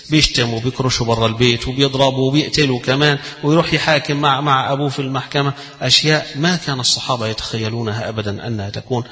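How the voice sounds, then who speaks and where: A man's voice: mid-range voice, vocal fry, a bit bright. A man with an Egyptian accent giving a religious lesson. He moves between classical recitation and colloquial explanation and raises his voice when quoting. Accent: Egyptian Arabic. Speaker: Islamic scholar teaching hadith. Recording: long hall reverb.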